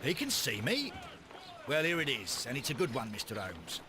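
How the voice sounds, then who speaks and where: A man's voice: mid-range voice, wildly swooping pitch, normal speed, background noise. A man playing an eager, deferential Victorian police inspector in a video game, briefing expressively in a British accent.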